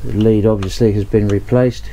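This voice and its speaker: The audio is poor, with a little hiss or hum, as a radio restorer inspects an old radio in his cluttered home workshop. He narrates casually at a moderate pace in a fairly low, dark, steady voice, hesitating and saying um often as he thinks aloud.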